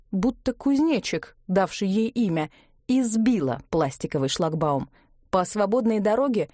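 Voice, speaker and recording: Mellow-toned female audiobook narrator. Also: medium pitch, dry recording, studio quality. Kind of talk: scripted narration.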